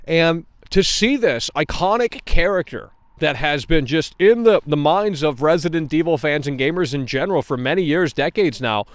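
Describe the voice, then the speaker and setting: A man's voice: on the high side, expressive, normal speed, few pauses, no echo. A man hosting a livestream, giving casual, opinionated game commentary in an exasperated, blunt and sweary way. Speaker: livestream host.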